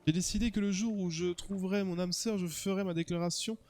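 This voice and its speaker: A bashful, dreamy young man from a video game, all nerves and longing, speaking in a fairly high voice as a man reads his lines aloud. His delivery is earnest and sighing, and he is too shy to act on his crush. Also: fairly even intonation, brisk, darkish tone, lightly acted. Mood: lovestruck. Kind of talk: reading game dialogue aloud.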